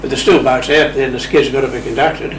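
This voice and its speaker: Speaking quickly in a steady, mid-range voice, a radio club interview guest shares informal anecdotes. He was recorded from a distance in an echoey room, and noise is clearly audible.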